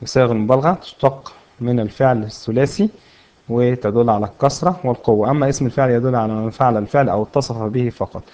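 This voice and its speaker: Fast-talking Egyptian male grammar teacher. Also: medium pitch, darkish tone. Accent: Egyptian Arabic. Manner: explains step by step, asks and answers his own questions. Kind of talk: classroom grammar lesson. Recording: dull lo-fi recording.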